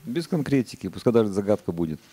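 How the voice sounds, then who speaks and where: A man, a spacecraft commander, answering press conference questions in a calm, measured, matter-of-fact way. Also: fairly low pitch, slightly rough.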